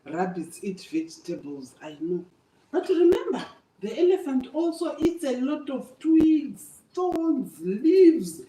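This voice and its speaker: With a high, warm voice and big swings in pitch, an older woman slowly tells children a story in an animated, emphatic, repetitive, teacherly style. A little hiss or hum is audible. She is far from the microphone in a room with echo.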